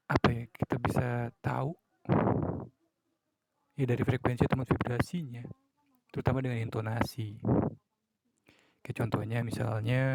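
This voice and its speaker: A man's voice: mid-range voice, gravelly, a little mellow, no echo, rough recording. A man talking casually on his own podcast, musing and acting out examples of moods and a late-night radio host. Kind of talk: casual solo talk.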